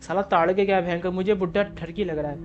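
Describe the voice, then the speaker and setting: Brief: young male gamer host, live gameplay commentary, jokey and foul-mouthed, panicky yelling in fights, faint music behind. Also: sits high, fast talker, muffled recording. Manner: excitable, swears constantly, jokey banter; yells in panic during fights. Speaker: gaming channel host.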